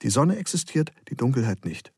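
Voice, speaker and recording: A man's voice: mid-range voice, sing-song, brisk, vocal fry, warm tone, slightly rough, no room sound, clean studio sound, voice pushed up, full character voice. Angelita, a teasing girl, as a man reads her. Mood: playful. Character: Angelita, a bold, playful young girl.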